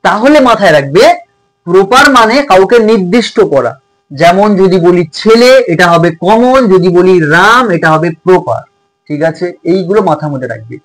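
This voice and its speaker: A man's voice: high voice, very animated, a little fast, fairly bright tone, poor audio. A man tutor teaching a grammar lesson to schoolchildren, repeating points and checking in often. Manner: repetitive, checks in with "okay?".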